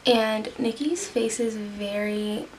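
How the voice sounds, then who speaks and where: A woman's voice: a little high, takes it slowly, a little hiss or hum. A young woman talking casually through a makeup tutorial at home, chatting while she works and sometimes dropping to a whisper. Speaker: beauty vlogger.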